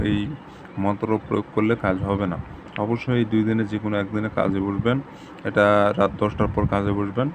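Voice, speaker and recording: A man with a low, flat voice talks through step-by-step instructions, repeating each point steadily like a patient teacher. Clear background noise and the hum of passing traffic sit behind him. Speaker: tantric channel host. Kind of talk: instructional talk to camera.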